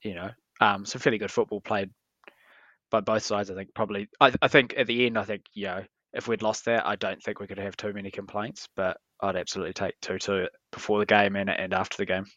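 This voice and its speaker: A man's voice: fairly low pitch, steady tone, a little fast, fairly bright tone, no room sound, muffled recording. A man co-hosting a football podcast, speaking hesitantly with many fillers. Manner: hesitant, lots of "you know" and "um". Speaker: podcast co-host. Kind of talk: casual sports podcast chat.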